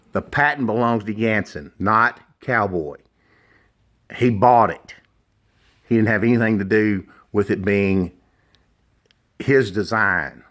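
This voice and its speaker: A middle-aged man explaining and demonstrating handmade products informally, in a deliberate, emphatic and opinionated manner. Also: fairly low pitch, fairly bright tone. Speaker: duck call maker.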